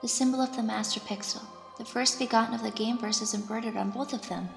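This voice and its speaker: Woman acting an anxious squire, high and creaky. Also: fairly even intonation, quick pace. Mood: uneasy wonder. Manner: hesitant, stammering when addressed. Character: anxious, deferential young female squire, narrating her thoughts. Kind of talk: scripted first-person dramatic narration. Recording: roomy, reverberant, music behind.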